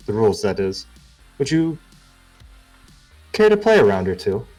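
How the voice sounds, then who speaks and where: A man voicing a genteel, scheming gentleman who talks in a loud, drawn-out, mannered way. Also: lowish voice, big pitch swings, faint music behind, rough recording. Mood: ingratiating.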